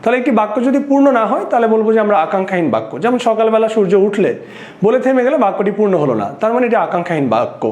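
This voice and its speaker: A male teacher with a Bangladeshi Bengali accent gives a recorded exam prep lesson in a high voice. He keeps asking the class questions and then answers them himself, and his voice rings around a roomy, echoey space. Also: sing-song, very fast, a little mellow. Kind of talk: recorded lecture. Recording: echoey room.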